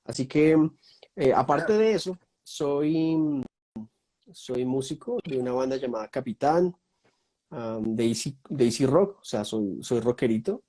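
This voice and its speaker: On a rough recording, a young Colombian guest chats casually over video call, listing topics thoughtfully with lots of fillers. His medium-pitched voice is dark and animated yet a little slow, carrying a Colombian Spanish accent.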